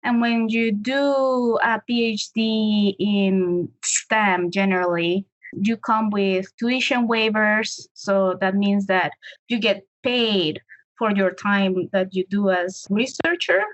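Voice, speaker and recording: In her late thirties, this Colombian woman speaks Spanish with a Colombian accent, answering interview questions as a guest. Her mid-range voice moves slowly and thoughtfully, restarting as she hunts for words, and the recording's highs are cut off.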